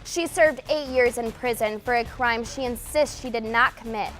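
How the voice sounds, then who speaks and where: News anchor: American woman, higher register, formal scripted read, light music underneath. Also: normal speed, a bit bright, low-quality recording. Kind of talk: scripted television newscast reading.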